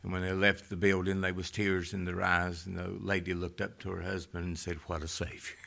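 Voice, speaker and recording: A man preaching a sermon with a folksy delivery, moving from hushed passages to loud, emphatic ones. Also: deep voice, completely flat delivery, a little fast, gravelly.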